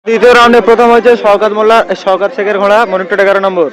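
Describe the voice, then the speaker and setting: High-pitched, fast-talking male race caller. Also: fairly even intonation. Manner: repeats phrases, addresses viewers as friends. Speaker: race commentator and vlogger. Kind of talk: race caller style live commentary. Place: outdoors at a crowded village racing field. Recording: noisy outdoor field with loud crowd.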